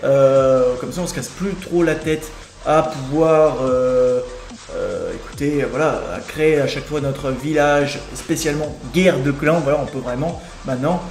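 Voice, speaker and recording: A man's voice: medium pitch, a little slow, darkish tone. A young man hosting a casual gaming video, rambling with many fillers and restarts. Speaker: gaming YouTuber. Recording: echoey room with faint music. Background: faint background music.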